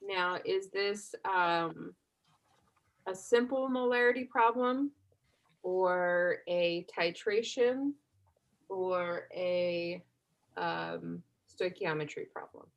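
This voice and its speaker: Speaking extremely slowly with vocal fry, a woman with a fairly low voice comes through on a low-quality recording. She's a chemistry instructor leading an informal exam review, posing questions to the class and checking understanding with "right?" nearly every point.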